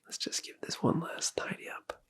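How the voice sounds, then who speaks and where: A man playing an attentive, flirtatious male nurse in a whispered role-play, speaking in a soothing, breathy whisper. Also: normal speed, a bit bright, close to an everyday voice. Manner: soothing, complimentary personal attention.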